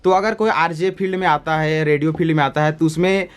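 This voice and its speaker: A man's voice: fairly high pitch, fairly even intonation, fairly quick, clear, resonant tone. Man interviewer summing up answers. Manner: short agreeing interjections, sums up answers. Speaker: interviewer and channel host. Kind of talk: casual interview.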